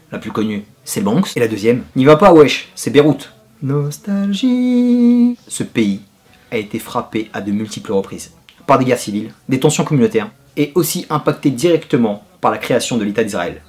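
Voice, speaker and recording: A man reviewing a film in casual, energetic slang, talking straight to his viewer as host of his channel. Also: medium pitch.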